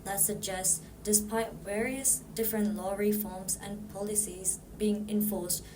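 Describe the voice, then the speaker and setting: A woman from Nepal reads her prepared answers for a student podcast. She sounds earnest and keeps close to her notes, at a middle pitch. A clear noise bed runs under the recording. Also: fairly even intonation, unhurried.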